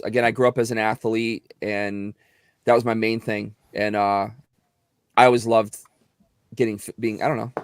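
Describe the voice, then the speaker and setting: Middle-aged actor, slightly whiny, rambling chat, dry close mic. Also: male voice, medium pitch, smooth, no echo. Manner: animated, rambling, many restarts. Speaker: actor and guest. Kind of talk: casual video chat.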